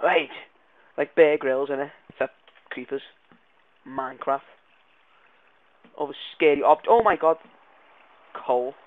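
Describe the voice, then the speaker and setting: A man giving excitable, jumpy let's play commentary, swearing and yelling when startled. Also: a little high, a little slow, long pauses. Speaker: gaming video creator. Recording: tinny lo-fi mic sound.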